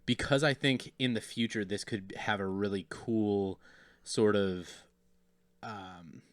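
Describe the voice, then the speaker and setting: A man co-hosting a casual podcast chat, relaxed and joking as he steers the segments. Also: lowish voice, slow, no room sound. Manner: laid-back, joking, guides the segments. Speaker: podcast co-host.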